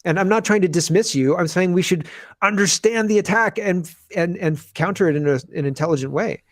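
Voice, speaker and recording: This man in his forties talks politics in a loose, rambling podcast style. His voice sits a little high, and it comes across dry and close with no room sound. He likes to drop into sarcastic mimicry of the people he is criticizing. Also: a little fast, no room sound. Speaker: podcast co-host. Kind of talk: casual political chat.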